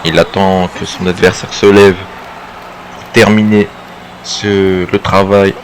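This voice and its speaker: A man working as a wrestling co-commentator, adding measured remarks on the action. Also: sits low, flat delivery, a little hiss or hum.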